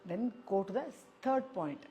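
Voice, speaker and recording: A woman's voice: mid-range voice, expressive, measured pace, warm tone, dull audio, a little hiss or hum. A woman with a South Indian accent teaching singing, explaining step by step and repeating syllables and phrases to demonstrate. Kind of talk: spoken music lesson with sung syllable demonstrations.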